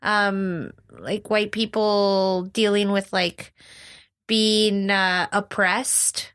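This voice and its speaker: A woman co-hosts a casual podcast in a bright, sharp voice. She is emphatic and outspoken, and she fills her sentences with 'like'. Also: mid-range voice, fairly even intonation, very slow, smooth. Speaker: podcast co-host. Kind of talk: casual chat.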